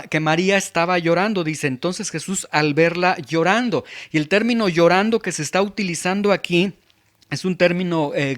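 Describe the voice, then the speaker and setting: Casting note: male pastor, higher-pitched voice, emphatic Bible-study preaching that repeats words for stress. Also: a bit bright. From Mexico. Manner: emphatic, repeats words and leans on key terms. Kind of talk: expository sermon.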